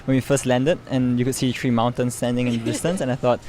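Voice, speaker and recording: Flat, fast and darkish in tone, this mid-range voice belongs to a young Singaporean man, a medical student and competition winner, who gives informal answers as an interview guest. He gropes for his words along the way, against clear urban background noise.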